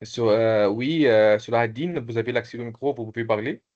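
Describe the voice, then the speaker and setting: A man teaching an online language class, slowly repeating phrases and calling on students by name. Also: mid-range voice, darkish tone, muffled recording. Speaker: Arabic teacher.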